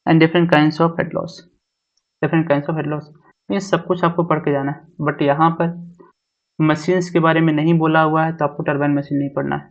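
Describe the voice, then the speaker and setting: A man teaches an exam syllabus, listing topic after topic and going over each one twice. His voice sits a little high and stays almost monotone. The recording sounds dull and lo-fi. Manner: repeats each point, mixing English syllabus terms into Hindi. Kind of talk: syllabus walkthrough lecture.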